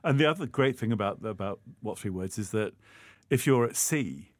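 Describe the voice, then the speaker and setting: A man's voice: fairly low pitch, lively intonation, dry recording, studio quality. Rambling man explaining on a podcast. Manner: rambling, halting explainer with restarts. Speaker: podcast co-host. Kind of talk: casual chat.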